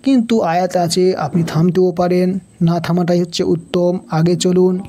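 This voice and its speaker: A man teaching Quran reading in a Bangladeshi Bengali accent, spelling out letters and vowel marks slowly and then chanting the verses. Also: sits high, little pitch movement, warm tone, slight background noise. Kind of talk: Quran recitation lesson.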